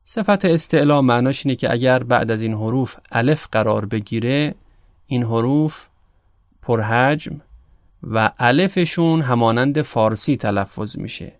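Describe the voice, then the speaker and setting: A Persian-speaking man teaching Arabic pronunciation for recitation, calm and measured, slowing down on the Arabic examples. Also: mid-range voice, no room sound, clean studio sound. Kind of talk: explanatory lesson.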